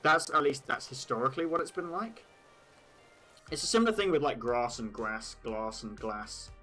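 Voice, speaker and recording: English male streamer, casual rambling chat, bright sharp tone, light swearing, faint music under. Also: on the high side, big pitch swings, fairly quick, low-quality recording. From England. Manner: rambling, swearing, laughing at his own jokes.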